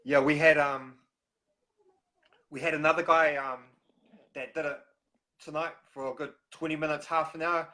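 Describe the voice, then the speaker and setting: A man with a broad New Zealand accent hosts a casual live stream. His delivery is halting, with pauses breaking up his sentences as he addresses viewers and guests. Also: on the high side, steady tone, pushed and bright, low-quality recording. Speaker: host of a recovery live stream.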